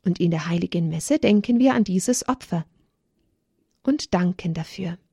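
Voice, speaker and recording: A woman reading a religious story to children in a gentle storytelling manner. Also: on the low side, lively intonation, moderate pace, creaky, breathy edge, no echo, clean studio sound.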